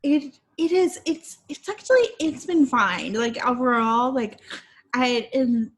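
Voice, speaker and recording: A woman's voice: sits high, lively intonation, unhurried, slightly rough. A woman from Puerto Rico hosting a book podcast, chatting casually with many fillers. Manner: rambling, many fillers like "like" and "I don't know". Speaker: podcast host. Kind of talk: casual interview chat.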